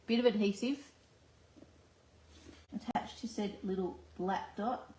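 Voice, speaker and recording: A woman's voice: mid-range voice, a little slow, mellow. An Australian woman giving a live card-making demonstration, chatting and talking herself through each step at her crafting table. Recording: echoey room, faint background noise.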